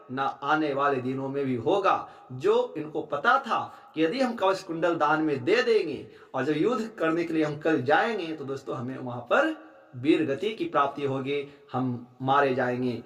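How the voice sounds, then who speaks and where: A man's voice: fairly high pitch, a bit bright, roomy sound. A man teaching a school textbook chapter, who repeats key lines and keeps checking in with his students. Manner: keeps asking "है ना?", "ठीक है"; repeats lines to drive them home.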